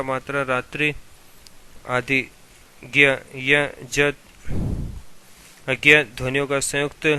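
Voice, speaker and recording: A man teaching Hindi grammar, reading steadily from textbook notes in an even tone. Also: mid-range voice, smooth.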